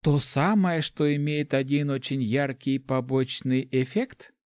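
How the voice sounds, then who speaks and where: Guy doing a teasing young necromancer girl, mock-posh, higher voice, dry sound. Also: very animated, a little slow, a little mellow, no room sound.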